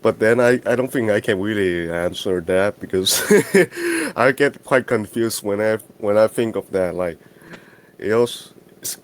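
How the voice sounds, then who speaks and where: Deep hesitant man calling in. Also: big pitch swings, a little slow. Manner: hesitant, many fillers. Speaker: caller asking questions. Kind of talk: casual chat on a voice call. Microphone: voice call mic.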